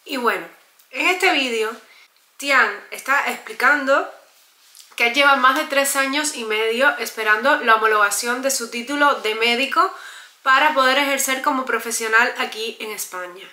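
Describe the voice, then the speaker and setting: A woman's voice: fairly high pitch, normal speed, sharp tone. A young Cuban woman with a Cuban Spanish accent, talking earnestly and emphatically to her viewers in a casual vlog. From Cuba. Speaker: vlogger. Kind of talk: casual vlog talk to camera. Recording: echoey room.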